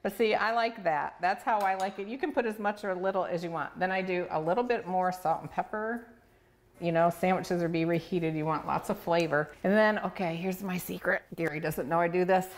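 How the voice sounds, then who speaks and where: A woman's voice: fairly low pitch, brisk. A middle-aged woman, playfully chatting while demonstrating a recipe in a home kitchen, on a lapel mic. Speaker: cooking show host. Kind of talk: casual cooking demonstration.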